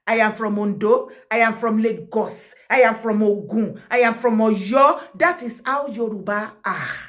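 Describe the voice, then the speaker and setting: A woman's voice: on the high side, unhurried, a bit bright. A woman from Ekiti with a Nigerian accent, delivering impassioned commentary, scolding and repeating words for emphasis. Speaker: vlogger. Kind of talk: impassioned commentary in Pidgin and Yoruba.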